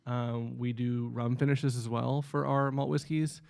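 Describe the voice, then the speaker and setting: Gravelly-voiced man explaining whiskey. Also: mid-range voice, little pitch movement, a little mellow. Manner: explanatory, measured, frequent um fillers. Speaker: distillery production manager. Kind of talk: casual podcast chat. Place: indoor studio at a table.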